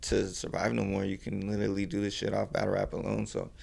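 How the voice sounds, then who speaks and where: A man's voice: on the low side, completely flat delivery, quick pace, gravelly, darkish tone, husky. A young man from California talking casually as a podcast guest, rambling and laid-back with lots of swearing and fillers. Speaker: podcast guest, battle rapper.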